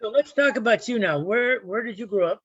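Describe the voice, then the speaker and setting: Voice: medium pitch, fairly quick, a bit bright, husky, no echo, muffled recording. A radio talk show host asking casual, playful, teasing questions.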